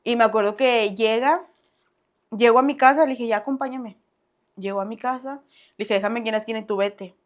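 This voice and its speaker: Mexican woman, young adult, podcast guest; casual, animated retelling, slightly high voice. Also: a little fast. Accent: Mexican Spanish. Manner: animated, acts out past dialogue, laughs often. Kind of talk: casual storytelling interview.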